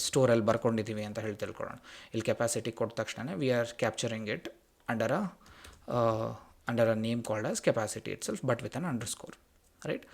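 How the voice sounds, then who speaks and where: A man with a Kannada Indian accent giving a casual technical tutorial, thinking aloud, mixing two languages and often checking in with short rhetorical questions. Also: medium pitch. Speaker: programming instructor.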